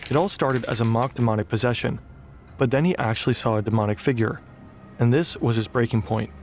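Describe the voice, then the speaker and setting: A man narrates a documentary in a scripted, dramatic and measured way. His voice sits at an ordinary pitch. Faint music plays underneath.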